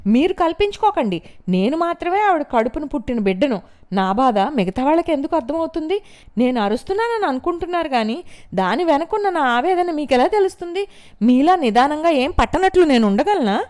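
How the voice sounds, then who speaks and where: A woman reading an audiobook, voicing a furious young woman who shouts accusations at everyone around her. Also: high voice, big pitch swings, brisk, pitched above the performer's own voice. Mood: shouting angrily.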